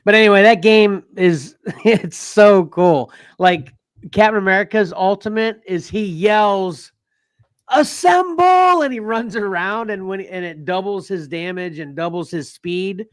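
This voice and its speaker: A man hosting a casual comics podcast, rambling with restarts and quick laughs. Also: sits high, steady tone, clear, resonant tone, dry recording. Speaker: podcast host. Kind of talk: casual chat.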